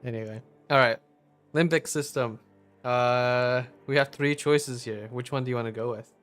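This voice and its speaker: A young man streaming a game, talking casually with chuckles and halting fillers. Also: mid-range voice, a bit bright, faint music behind. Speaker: developer and streamer. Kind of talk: casual live stream chat.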